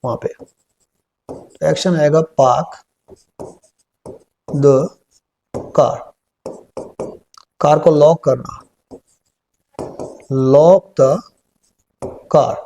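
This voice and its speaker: Mellow-voiced male English teacher, Punjabi accent. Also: on the high side, muffled recording, a little hiss or hum. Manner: slow, repeats phrases while writing on a board. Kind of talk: step-by-step spoken English lesson.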